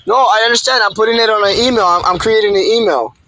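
A man's voice: sits high, quick pace, pushed and bright, no room sound. A man calling in over buzzy, glitchy call audio that keeps breaking up, chatting casually and stammering over his words. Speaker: caller. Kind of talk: casual chat. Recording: noisy breaking-up call line.

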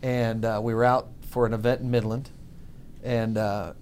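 A man from Texas hosting a casual chat, telling stories with lively voice mimicry. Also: fairly low pitch, normal speed, slight background noise. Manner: animated storyteller, mimics voices.

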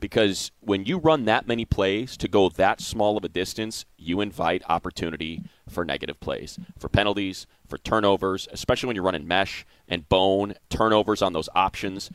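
Deep-voiced older man talking football. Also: moderate pace, hardly any pauses, clean tone, no echo. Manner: excitable, repeats numbers for emphasis, stammers into restarts. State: has the hiccups. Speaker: sports podcast co-host. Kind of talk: casual sports analysis chat.

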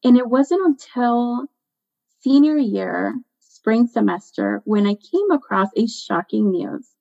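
A woman's voice: on the high side, animated, takes it slowly, vocal fry, dark tone. A young woman from Guatemala, a budget coach, telling her story as a guest on a podcast interview, earnest and reflective. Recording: muffled lo-fi sound.

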